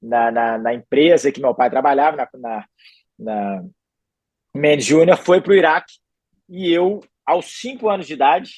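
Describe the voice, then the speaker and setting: A man in his forties from Belo Horizonte, a retired tennis player, telling his story in a calm, easygoing way as a podcast guest. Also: on the high side, a little slow, no echo. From Belo Horizonte, Brazil. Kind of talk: relaxed interview storytelling. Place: podcast studio.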